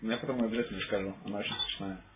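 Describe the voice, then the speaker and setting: Lowish-voiced man on a muffled line. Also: steady tone, racing. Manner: slangy, informal. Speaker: streamer on a card game live stream. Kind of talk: casual chat among friends. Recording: muffled phone-like sound, clear noise, clicks.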